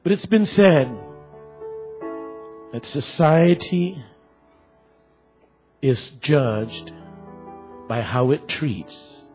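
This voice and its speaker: A man telling a parable to a church congregation, with deliberate, slow storytelling that builds in excitement. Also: on the high side, faint music behind.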